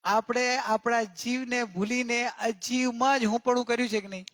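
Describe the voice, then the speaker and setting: A man giving a religious discourse as a spiritual teacher. He keeps checking in with his listeners and draws key words out slowly for emphasis. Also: very high voice, steady tone, a bit bright. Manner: questioning, coaxing listeners with repeated checks.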